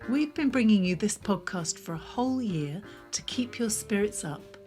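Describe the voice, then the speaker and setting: A woman's voice: mid-range voice, expressive, moderate pace, mellow, soft background music. Woman co-host, cheerful scripted intros. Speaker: podcast co-host.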